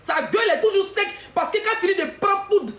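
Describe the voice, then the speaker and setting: Ivorian woman, very high, taunting shouted rant, echoey room. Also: lively intonation, fast talker. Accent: Ivorian French. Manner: taunting, mocking, often shouting. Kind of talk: heated insulting rant to camera.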